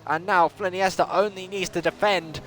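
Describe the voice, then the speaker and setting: Calling an online racing series live, this lead commentator gives excitable play-by-play at a moderate pace, his voice shooting up in pitch when big moments hit. Faint music plays behind him.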